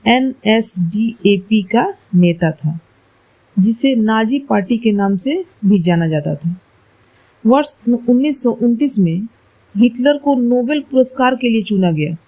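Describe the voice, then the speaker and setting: Woman, exam-prep teacher; unhurried, dark-toned delivery; works through questions, fixes slips aloud. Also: fairly high pitch, rough recording. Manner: slow, deliberate explaining, corrects herself aloud. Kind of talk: reading quiz answers for exam study.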